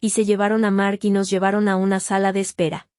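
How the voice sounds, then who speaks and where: Mellow-voiced woman narrating a testimony. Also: mid-range voice, level tone, quick pace, clean tone, no echo, clean studio sound. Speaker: narrator of a personal near-death testimony. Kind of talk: first-person testimony voice-over. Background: faint guitar music.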